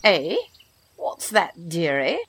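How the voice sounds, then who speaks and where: A woman playing a kindly, muddled, hard-of-hearing old housekeeper in an audio drama, chatty and husky. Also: lowish voice, lively intonation, takes it slowly, fairly bright tone, a little hiss or hum, exaggerated voice. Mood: muddled, querulous.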